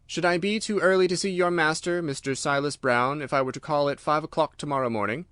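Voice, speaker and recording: A man voicing a cool, self-assured detective with measured, smooth authority in a storybook reading. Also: on the high side, a bit bright, dry recording, clean studio sound, natural voice. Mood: suave.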